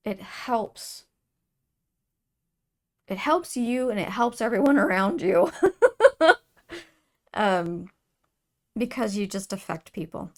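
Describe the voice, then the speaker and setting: A woman reads tarot cards for her viewers in a soft, earnest way, pausing and restarting as she goes. Her voice carries a gravelly fry, and she takes her time over every phrase. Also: medium pitch. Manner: soft, earnest and emotional, with many fillers and restarts. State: tearful at times. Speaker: tarot reader. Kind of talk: intuitive tarot reading to camera.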